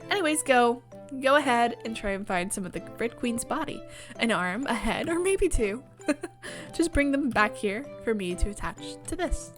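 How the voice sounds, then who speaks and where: A woman voicing a mad, teasing female Hatter in a visual novel, with a drawn-out theatrical delivery. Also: on the high side, lively intonation, faint music behind, natural voice. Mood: breezy, giddy.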